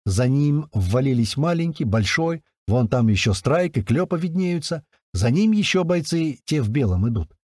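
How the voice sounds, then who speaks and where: A man's voice: medium pitch, moderate pace, few pauses, dry recording, studio quality. A man narrating an audiobook in the first person, in a colloquial storytelling manner. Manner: colloquial storytelling with lively intonation.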